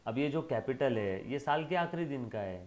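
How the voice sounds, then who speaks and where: A man's voice: mid-range voice, animated, normal speed, darkish tone. A male accountancy lecturer giving an emphatic classroom lecture, checking in with rhetorical questions and fondly addressing students as children.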